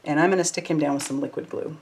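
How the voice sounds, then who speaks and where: A woman's voice: low voice, fairly even intonation, very fast. A woman hosting a crafting livestream, chatting casually and reading out viewer comments as she works. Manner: chatty, reads out viewer comments, warm and effusive. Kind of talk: casual live chat while crafting.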